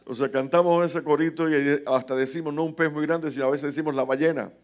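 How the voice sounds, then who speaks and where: A man's voice: on the high side, steady tone, fairly quick. A male pastor, preaching a sermon with passion and rhetorical asides to the congregation. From Cuba. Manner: impassioned preaching, retells scripture in dramatic quoted voices.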